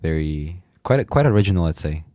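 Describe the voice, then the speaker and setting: Very deep-voiced male radio host. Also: animated, brisk, dark tone, no echo, studio quality. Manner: laid-back, lots of fillers and agreeing. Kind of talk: casual music radio chat.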